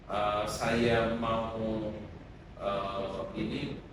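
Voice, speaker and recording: A middle-aged man, a guest lecturer, giving calm advice to students in a podcast interview, with many hesitant fillers. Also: on the low side, extremely slow. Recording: echoey room, far from the mic, noisy.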